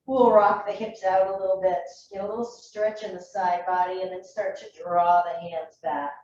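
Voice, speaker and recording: A woman in her thirties guiding a yoga class in a calm, gentle voice, still a little froggy in the morning and clearing her throat now and then. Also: medium pitch, normal speed, slight background noise. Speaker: yoga teacher. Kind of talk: guided yoga class instruction. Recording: dull, echoey room from a distance.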